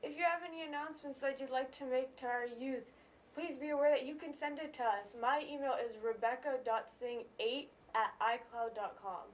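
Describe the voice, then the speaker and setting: High-voiced female co-host, faint noise behind. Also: fairly even intonation, moderate pace. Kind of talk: announcement to viewers. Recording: faint noisy room ambience.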